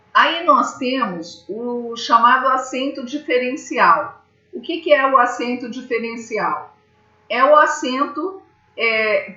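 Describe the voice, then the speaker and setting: A woman's voice: fairly high pitch, sharp tone. A woman teacher from Brazil giving a grammar lesson, patiently explaining step by step and checking in with her students. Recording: echoey room, slightly dull sound.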